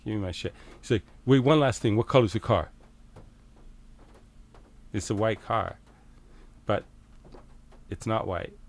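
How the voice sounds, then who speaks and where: Middle-aged Canadian man, podcast guest, lower-pitched voice, casual and profane, acts out dialogue as he tells it. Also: a little slow, pauses often. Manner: animated, swears freely, acts out quoted exchanges. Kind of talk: casual storytelling.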